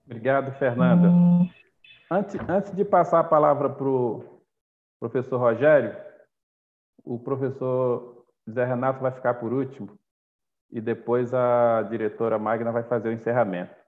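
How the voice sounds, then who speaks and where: A man's voice: medium pitch, fairly even intonation, a little slow. A man moderating a live panel over a video call, courteously handing the floor to each speaker. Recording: tinny phone-like line.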